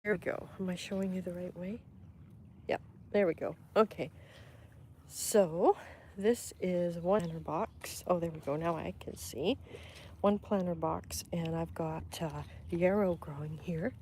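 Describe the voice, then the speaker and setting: A woman hosts a casual livestream outdoors, holding her phone as she strolls through her garden and chats in a rambling, fond way. Her voice is lowish and mellow, her pace unhurried, with slight background noise.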